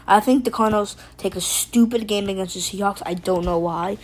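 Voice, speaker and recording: A woman streaming casually to her chat, joking and rambling with loose restarts. Her pitch sits in a middle range, and she calls out to viewers by name. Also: a little fast, low-quality recording. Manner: playful, jokey, talks to chat by name. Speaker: livestream host.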